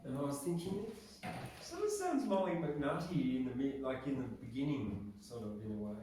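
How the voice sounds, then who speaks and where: A man reading his own poems at an open mic and chatting casually between them, hesitant and halting. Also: medium pitch, sing-song, warm tone, slight background noise. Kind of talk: casual poetry reading with informal chat. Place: echoey room at an open mic event. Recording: echoey room, distant mic.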